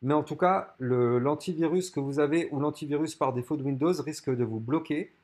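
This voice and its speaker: A man's voice: on the high side, a little fast, darkish tone. A man hosting his own channel, giving an informal step-by-step tutorial over a screen recording. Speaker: channel host.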